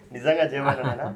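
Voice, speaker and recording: A man with a Telangana Telugu accent hosting a folk talent channel, interviewing a singer in a friendly, quick manner. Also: medium pitch. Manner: fast, friendly, keeps saying "anna". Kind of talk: casual interview.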